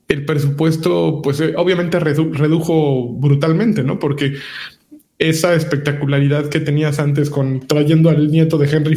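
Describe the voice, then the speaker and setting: A man's voice: a little high, mellow. A man with a Mexican accent giving casual, slangy commentary as a panelist on a gaming talk show, explaining his points and checking in with short tag questions.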